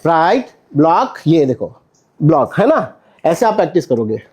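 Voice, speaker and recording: Man, acting instructor, high voice, very lively delivery, counting out punches and blocks. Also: moderate pace, slightly rough. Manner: energetic, counts and calls out corrections. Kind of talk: coaching a stage-fight drill. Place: indoor acting studio with a class.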